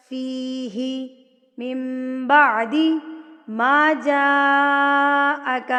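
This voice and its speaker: High-voiced woman teaching recitation. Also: big-room sound. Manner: slow drawn-out recitation of Arabic words; patient step-by-step explaining. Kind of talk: online tajweed lesson.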